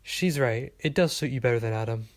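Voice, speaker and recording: A man voicing a gentle, caring middle-aged mother in an audiobook, close to his own gravelly voice. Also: medium pitch, a little fast, close to an everyday voice. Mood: tender.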